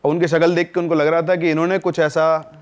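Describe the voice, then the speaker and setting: A man's voice: fairly high pitch, little pitch movement, fast, dull audio. A man narrating a spooky story in a conversational podcast style, with dramatic asides to the listener. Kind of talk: casual spoken horror storytelling.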